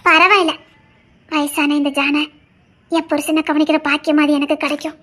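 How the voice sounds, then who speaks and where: A woman's voice: sits high, little pitch movement, normal speed, bright, forceful tone. A woman voicing a stubborn, loving young wife in an audio drama, talking earnestly and insistently. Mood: devoted, pleading.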